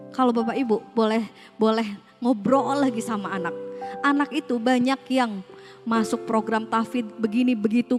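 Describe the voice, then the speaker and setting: A woman on a school's staff giving a casual parenting seminar, speaking straight to parents and asking them rhetorical questions. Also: sits high. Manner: conversational, mixes casual slang. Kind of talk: parenting seminar talk with slides.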